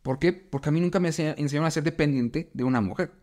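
Candid man, slightly high voice. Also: fast talker, darkish tone. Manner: candid, self-deprecating. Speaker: podcast co-host. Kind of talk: casual podcast chat.

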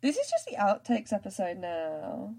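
A woman's voice: medium pitch, wildly swooping pitch, moderate pace, creaky, dark tone, slightly rough. A woman co-hosting a podcast in casual chat, laid-back and wry. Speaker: podcast co-host.

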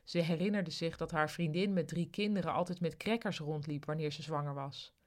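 Dry, even-voiced story narrator. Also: mid-range voice, brisk. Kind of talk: scripted narration.

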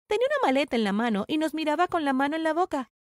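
A woman's voice: high voice, sing-song, racing, no echo. A young woman narrating a dramatic first-person story about her twin sister. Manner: dramatic confessional telling.

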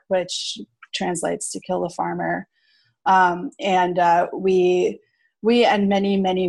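This South African woman in her thirties, a farmer who also runs an inn, tells stories in a relaxed interview full of ums and soft laughter. Her voice sits on the low side, gravelly and slightly rough yet a bit mellow, and the recording has no echo.

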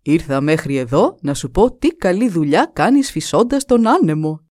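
A woman voicing a stubborn, determined young male hero in a told story, calling out loud and eager. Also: deep voice, big pitch swings, no echo, clean studio sound.

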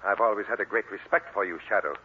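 A man playing a flustered, indignant professor in an old radio drama, with a breathy, stammering delivery. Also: on the low side, fast. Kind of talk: 1930s radio drama acting. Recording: tinny old radio broadcast.

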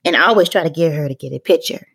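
A woman's voice: sits low, racing, creaky, husky. Brief: middle-aged female parenting host, casual storyteller who acts out the quotes. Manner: animated, acts out quotes, laughs often.

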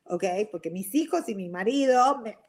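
A woman with a Rioplatense Spanish accent talks about self-love in a relaxed, expressive way. She often restarts her sentences and slips English words into her Spanish. She keeps turning to her listeners with a quick "ok?". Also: fairly high pitch, a little hiss or hum. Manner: addresses listeners directly with frequent "ok?". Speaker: self-help speaker. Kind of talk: casual motivational talk.

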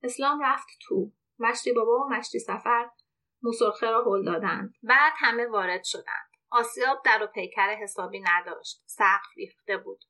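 A woman reads a short story aloud for her podcast. She keeps a steady, measured pace. Her voice sits somewhat high. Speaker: podcast host and reader.

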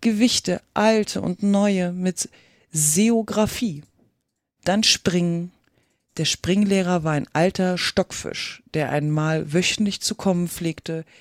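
A reader voicing a sad, sighing mock turtle, speaking slowly and plaintively in a storybook reading. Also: medium pitch, dry recording, studio quality. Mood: mournful. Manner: slow, drawn-out, plaintive. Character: mournful sighing mock turtle from a fairy tale. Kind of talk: reading a children's classic aloud.

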